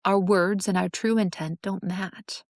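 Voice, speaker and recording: A woman's voice: mid-range voice, fairly even intonation, a little slow, dry recording, clean studio sound. A woman hosting a show, giving an earnest, instructive talk on relationships. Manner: earnest, instructive, acts out sarcastic examples. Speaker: host. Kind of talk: teaching monologue on relationships.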